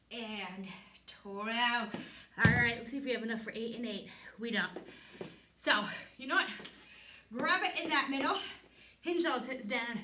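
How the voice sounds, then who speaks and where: A woman leading a workout as an aerobics instructor, calling out counts and motivating cues, sometimes out of breath. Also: fairly high pitch. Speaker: fitness instructor. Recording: echoey room, distant mic, noisy background.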